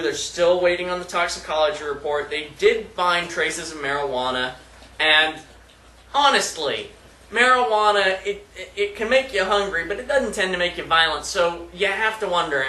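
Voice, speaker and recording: A man with a high, bright voice hosts a casual comedy show. He reads out news items and throws in wisecracks. The room around him rings with echo. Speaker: show host. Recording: echoey room.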